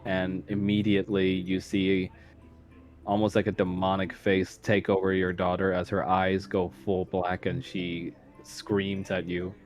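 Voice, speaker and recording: A man narrating a tabletop role-playing game as game master, describing scenes at an unhurried pace with some fillers. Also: deep voice, completely flat delivery, soft background music.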